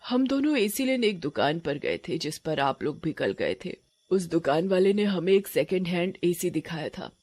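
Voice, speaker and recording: A woman voicing a sorrowful female ice witch ghost in a cartoon, telling her story slowly and mournfully. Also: sits low, a little mellow, breathy edge. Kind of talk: Hindi cartoon voice acting.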